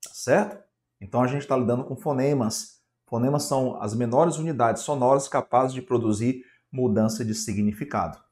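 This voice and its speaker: Speaking at a normal speed in a mid-range, somewhat dark voice, a Brazilian Portuguese-accented man teaches exam-prep grammar in class. He plays the student by posing questions, then answers them, often adding tag questions.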